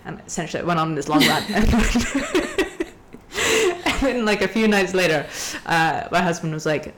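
A young woman from Hong Kong telling a story in a casual podcast chat, ranty and animated. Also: lowish voice, normal speed, background noise. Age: young adult. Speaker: guest.

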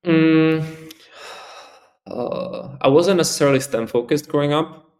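A man's voice: a little high, unhurried, a little mellow. A young man in his early twenties from Spain, answering interview questions in a rambling, casual way full of "like" and "um". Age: early 20s. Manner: rambling, heavy use of "like" and fillers. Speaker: podcast guest.

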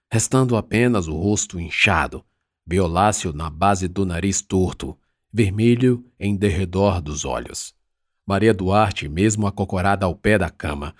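A man narrates an audiobook with measured, dramatic pacing. His voice sits low and has a husky texture. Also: dry recording, clean studio sound. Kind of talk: scripted narration.

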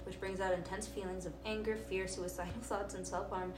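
A woman's voice: mid-range voice, little pitch movement, a little fast, music in the background. A woman co-hosting a casual podcast chat, rambling with many fillers and reading aloud from her phone. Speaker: podcast co-host. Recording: roomy and distant, noisy.

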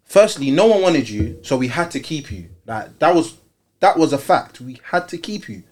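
A man's voice: on the high side, sing-song, moderate pace. A man with an urban London roadman accent hosting a casual football debate, emphatic and repetitive, full of street slang and rhetorical questions. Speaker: football show host.

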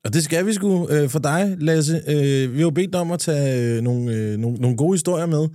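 A man's voice: on the high side, warm tone, dry recording, studio quality. A man hosting a podcast, leading the chat with crude, teasing jokes. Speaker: podcast host. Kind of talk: casual chat.

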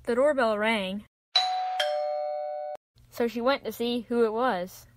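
A woman narrating a children's Bible story in an even, clear read-aloud manner. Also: on the high side, takes it slowly, heavy background noise.

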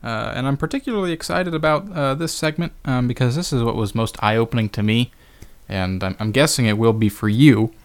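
A man's voice: medium pitch, brisk. A man hosting a solo podcast in a casual, conversational way, with plenty of fillers and wry, sarcastic asides. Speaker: podcast host.

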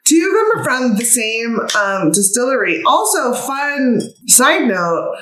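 A podcast co-host in casual chat, animated and laughing often. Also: mid-range voice, measured pace. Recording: echoey room.

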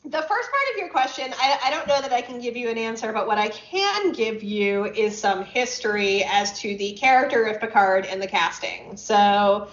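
A woman's voice: on the high side, lively intonation, moderate pace, hardly any pauses. A woman co-hosting a casual chat podcast, explaining at length and reading out history notes with a dry wit. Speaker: podcast co-host. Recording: roomy, dull lo-fi sound.

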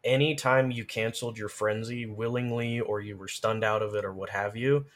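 A man appears as a podcast guest who is an expert on game lore and gameplay. His voice sits on the low side, with a steady tone and moderate pace, and he explains things casually and in detail, like someone who knows the subject well.

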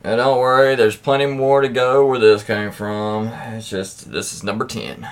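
This podcast host has a mid-range voice with a steady tone and a moderate pace. He casually reads anecdotes aloud, adding informal, profane asides along the way.

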